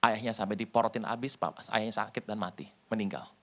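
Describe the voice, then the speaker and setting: A male pastor preaching a sermon in a lively storytelling way, with jokes. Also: lowish voice, brisk.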